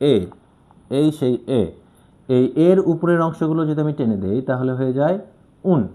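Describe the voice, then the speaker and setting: A man's voice: mid-range voice, dark tone. A man teaching Japanese letters, patiently explaining step by step as he writes them out. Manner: patient, demonstrating while writing.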